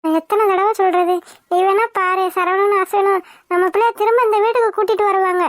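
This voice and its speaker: A woman's voice: very high-pitched, fairly even intonation, brisk, no room sound, studio quality. Woman voicing a soothing cartoon sister-in-law. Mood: consoling. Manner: consoling, exasperated. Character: soothing older sister-in-law, middle-aged woman, patient. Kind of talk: cartoon voice acting.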